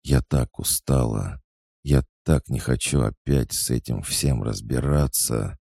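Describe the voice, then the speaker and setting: A man's voice: rumbling low, takes it slowly, vocal fry, dark tone, no echo, studio quality, exaggerated voice. A man voicing a weary, frightened young empress who speaks in tense, clipped lines.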